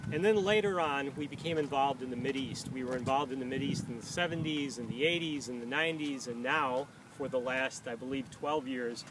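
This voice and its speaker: 60-something man talking outdoors, distant mic. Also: mid-range voice. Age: 60s. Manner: earnest, measured, with frequent "uh" pauses. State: talking while walking backward. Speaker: founder of a peace walking movement. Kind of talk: monologue while walking outdoors. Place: outdoor running track by traffic. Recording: distant outdoor mic with loud traffic noise.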